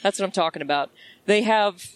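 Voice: medium pitch, a little fast, fairly bright tone, clean tone, no room sound. A podcast co-host who chimes in with short supportive remarks, then explains a point plainly. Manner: brief supportive interjections. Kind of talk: casual podcast chat.

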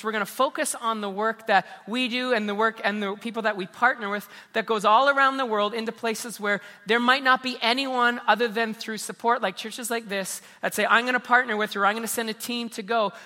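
A man's voice: high-pitched, pushed and bright. A man, a pastor, speaking earnestly from a church stage, often repeating words as he starts a phrase. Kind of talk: church stage talk and interview. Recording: reverberant church hall.

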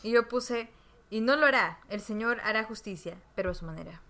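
A woman co-hosting a casual chat, reading verses slowly and then adding her own notes. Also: a little high, a bit bright. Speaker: podcast co-host.

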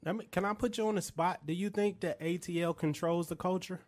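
A man's voice: high voice, steady tone, fairly quick. A man co-hosting a faith and culture podcast, hype and slangy as he interviews a guest. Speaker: podcast co-host. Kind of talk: casual interview.

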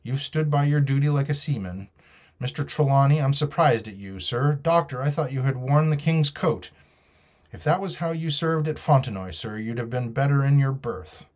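A man's voice: medium pitch, animated, unhurried, darkish tone. Storybook sea captain, played by a male reader: commanding, blunt, defiant, delivering clipped orders with firm authority. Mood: angry, reproachful. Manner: clipped, emphatic, formal orders.

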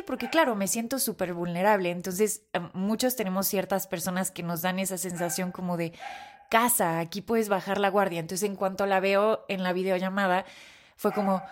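A woman with a Mexican accent hosting a podcast, telling a personal story in a candid way and swearing casually. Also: medium pitch. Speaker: podcast host.

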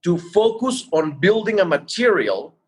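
A man explaining things in an interview as a guest entrepreneur, halting and repeating words as he goes. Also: sits high, sing-song, breathy edge. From Mexico.

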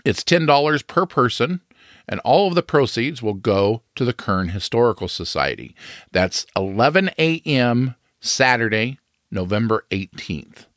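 A man's voice: medium pitch, sing-song, a little slow, fairly bright tone, no echo, clean studio sound. A man hosting a podcast, reading a scripted true crime narration.

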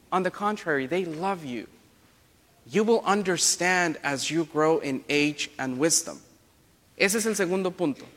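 High, bright-voiced priest with a playful homily. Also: male voice. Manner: playful, jokey asides and self-corrections; imitates other people's accents. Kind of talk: Sunday homily. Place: church. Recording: long church reverb.

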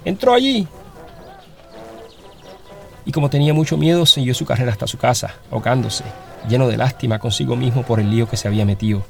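A man reading a story aloud as narrator, in a steady, dramatic storytelling manner. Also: medium pitch, fast talker, vocal fry, soft background music.

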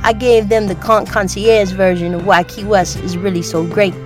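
A woman's voice: mid-range voice, moderate pace, music in the background. Stuffy-voiced woman podcast host. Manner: relaxed, chatty, laughs easily. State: congested from a cold. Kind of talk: casual personal storytelling.

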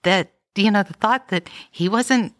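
A woman's voice: mid-range voice, measured pace, no room sound. A middle-aged woman, co-hosting a podcast and sharing stories in a reflective, easygoing way with many fillers. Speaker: podcast co-host. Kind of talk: casual chat.

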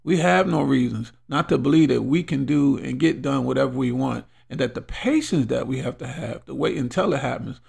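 A middle-aged man hosting a podcast as motivational talk, exhorting listeners emphatically and repeating phrases for weight, in a gravelly, husky voice. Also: mid-range voice, a little fast, few pauses, a little mellow. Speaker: podcast host.

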